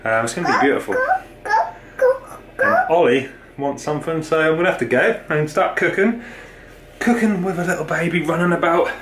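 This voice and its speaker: A man's voice: fairly high pitch, wildly swooping pitch, fairly quick, heavy background noise. A young man talking casually to camera in a home vlog, upbeat and chatty with lots of fillers. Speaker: fitness vlogger.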